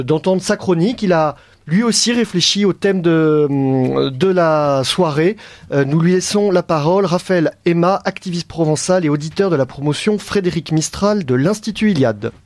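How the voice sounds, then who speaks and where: Male radio host, higher voice, halting delivery, dry studio sound. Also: a little mellow, no room sound. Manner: hesitant, many fillers and restarts. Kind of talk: radio talk-show discussion.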